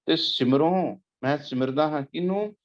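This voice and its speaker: A man with a Punjabi accent giving a patient lecture, repeating words and chanting verses slowly. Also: on the high side, highs cut off. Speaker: teacher. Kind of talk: lecture on Gurbani grammar with slides.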